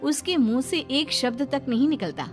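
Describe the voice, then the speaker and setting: A woman narrating a scripted cartoon story with expressive storytelling. Her voice sits fairly high and rises and falls in a lively way, with faint music playing underneath. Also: moderate pace.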